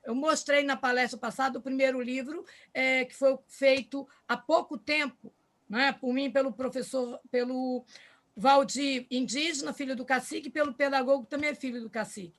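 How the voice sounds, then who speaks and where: Bright-voiced Brazilian woman explaining. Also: high-pitched, steady tone, moderate pace. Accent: Brazilian Portuguese. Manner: hesitant, repeats herself while searching for words. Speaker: panelist. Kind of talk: explanatory talk in an online panel.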